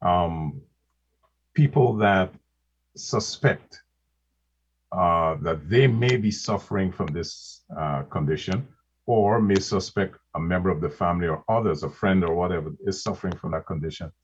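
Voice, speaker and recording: A man's voice: sits low, unhurried, slightly rough. A man co-hosting a casual podcast discussion, speaking hesitantly with many restarts and repeated words. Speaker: podcast co-host. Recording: muffled lo-fi podcast recording.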